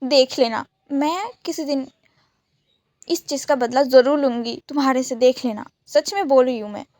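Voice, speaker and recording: A woman's voice: sits high, normal speed, a little mellow, dry recording. A woman voicing a caring, playful young woman in a romance story, teasing and pleading by turns. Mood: pouting.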